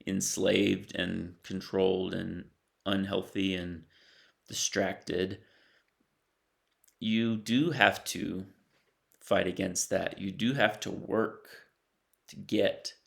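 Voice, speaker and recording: Slow, deep gravelly man reflecting. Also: fairly bright tone. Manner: measured and unhurried, drawn-out pauses between phrases. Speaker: spiritual teacher.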